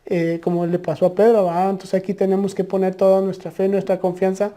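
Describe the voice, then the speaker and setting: Dark-voiced woman preaching earnestly. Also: medium pitch, little pitch movement, fairly quick. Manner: earnest, many restarts and filler "eh". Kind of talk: conversational preaching.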